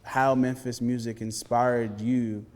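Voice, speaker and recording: A male interviewer speaks easily at a mid pitch, stringing his questions together with casual fillers. His voice carries a long, roomy reverb. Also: takes it slowly. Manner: relaxed, many "you know" fillers.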